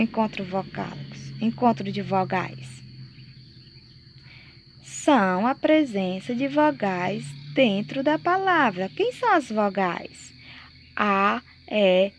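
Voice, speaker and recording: A Brazilian woman teacher giving a slow, explanatory lesson to fourth graders and checking often that the class follows. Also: a little high, a little hiss or hum. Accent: Brazilian Portuguese.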